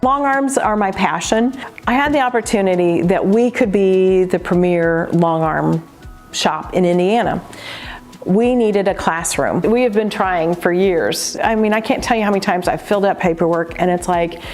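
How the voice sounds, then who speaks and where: A quilt shop owner gives a customer testimonial in a mid-range, darkish voice at a moderate pace. She is earnest and emphatic, restarting when she gets moved, with faint music in the background.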